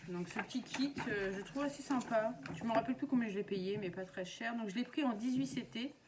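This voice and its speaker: A woman's voice: on the high side, brisk, background noise. A woman casually showing her craft purchases to viewers, chatting with many hesitations. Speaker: craft vlogger. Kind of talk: casual unboxing chat. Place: at home.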